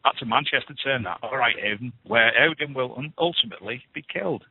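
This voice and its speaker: A man's voice: mid-range voice, fast talker, breathy edge. A man hosting a radio show, reading paranormal news with chatty, scoffing asides. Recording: phone-like lo-fi radio, dry.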